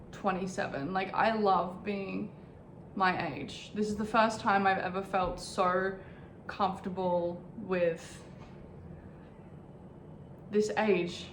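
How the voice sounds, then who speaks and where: A woman in her twenties speaks slowly and thoughtfully, taking her time in a candid, reflective personal vlog. Her pitch sits in the middle range, neither high nor low. Faint room ambience hums behind her at home. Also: fairly even intonation, roomy sound, a little hiss or hum. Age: 20s. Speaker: vlogger. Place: bedroom in her new home.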